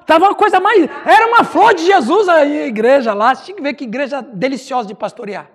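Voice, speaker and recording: A Brazilian male pastor telling a story in a Bible study, animated and laughing, acting out dialogue. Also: extremely high pitch, quick pace.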